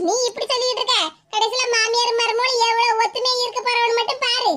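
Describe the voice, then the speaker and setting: Woman voicing a giggly gossipy village auntie, squeaky high and fast. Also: flat delivery, background noise. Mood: teasing. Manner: cheeky, giggly teasing. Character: teasing, gossipy middle-aged village woman. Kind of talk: cartoon voice acting.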